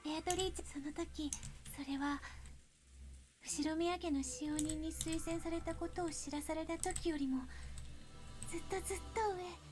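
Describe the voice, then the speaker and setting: A woman's voice: extremely high pitch, fairly even intonation, fast talker. A woman voicing a young game character who narrates her own memories in scripted lines. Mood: wistful recollection. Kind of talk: scripted game voice acting in Japanese. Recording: quiet game audio under music.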